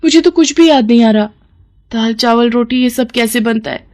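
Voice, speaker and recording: A woman voicing a nosy young sister-in-law in a cartoon story, with a high, excitable, whiny delivery. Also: normal speed, natural voice. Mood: fretful.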